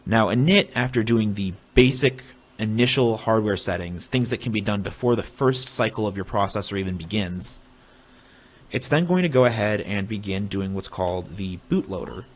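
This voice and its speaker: A young man casually explaining a technical topic on a stream, halting with restarts as he draws diagrams. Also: on the low side, expressive. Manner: halting, many fillers and restarts while drawing. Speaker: streamer explaining hardware hacking.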